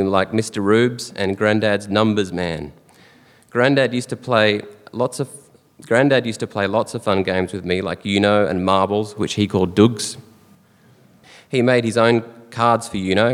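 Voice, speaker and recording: An Australian man giving a fond, earnest funeral eulogy for his father, with soft chuckles between memories. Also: lowish voice. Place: church or funeral hall. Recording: long hall reverb.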